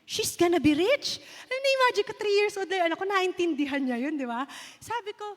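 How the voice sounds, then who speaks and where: A Filipino woman pastor in her thirties delivers a storytelling sermon in a church sanctuary, blending Filipino and English with a Filipino accent. Her voice is very high-pitched, and she speaks fast and with great animation. The hall adds a long reverb.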